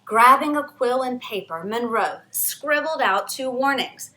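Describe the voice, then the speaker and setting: In an echoing room, a woman with a bright, slightly elevated voice gives an expressive read-aloud of the children's history book she wrote. Her delivery is marked by dramatic pauses and spirited emphasis.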